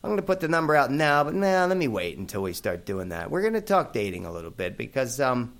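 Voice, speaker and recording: Brash fifty-something New York radio host. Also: male voice, medium pitch, quick pace, vocal fry. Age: 50s. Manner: brash and animated, addressing listeners as folks. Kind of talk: casual talk radio banter. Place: radio studio.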